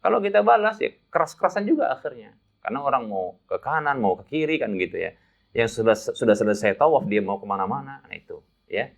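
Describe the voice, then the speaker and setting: A man guiding pilgrims through a religious lesson, chatty and lively, laughing at his own stories. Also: medium pitch, fast, gravelly. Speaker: umrah guide teaching pilgrims. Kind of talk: religious instruction talk. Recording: dull lo-fi sound.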